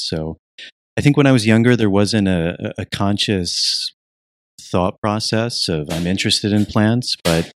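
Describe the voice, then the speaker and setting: Young American man, very low voice, dry sound, soft-spoken interviewee. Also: no room sound. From United States (Virginia). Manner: soft-spoken, thoughtful, frequent restarts and fillers. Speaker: interviewee, retreat program teacher. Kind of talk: reflective interview answers.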